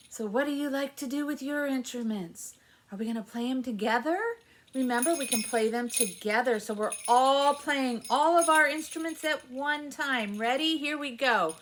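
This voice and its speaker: With a high-pitched, slightly bright voice, a woman in her fifties leads library story time for babies, chanting and speaking rhymes and songs in an exaggerated sing-song style. She's recorded in a small indoor room with an alphabet backdrop and faint background noise.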